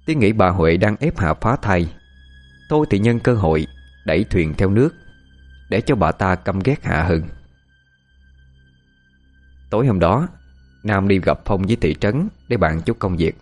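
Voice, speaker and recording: Deep-voiced man narrating horror. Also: animated, a little slow, pauses often, soft background music.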